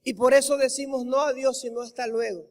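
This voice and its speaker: A man's voice: very high-pitched, flat delivery, a little fast, in a large hall. A male pastor preaching a sermon, emphatic, repeating his phrases and calling his listeners brother.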